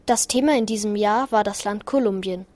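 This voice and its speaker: A woman reading a scripted school radio report clearly. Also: medium pitch, brisk, darkish tone.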